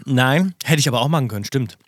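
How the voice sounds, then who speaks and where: A man's voice: medium pitch, lively intonation, fast, slight background noise. A man co-hosting a casual podcast chat, teasing and joking, recorded on a studio mic. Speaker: podcast co-host. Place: home recording studio in Los Angeles.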